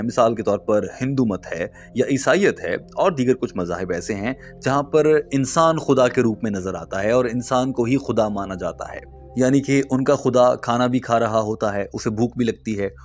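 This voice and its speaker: A man reading a scripted narration in a measured, explanatory way, posing rhetorical questions. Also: medium pitch, faint music behind.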